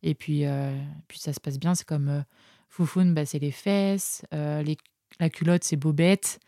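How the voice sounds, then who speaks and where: A young French nurse telling anecdotes in a casual, hesitant way, pausing often with filler sounds. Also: female voice, low-pitched, steady tone, dark tone, no room sound, studio quality. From France. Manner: hesitant, many filler pauses. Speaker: nurse, interview guest.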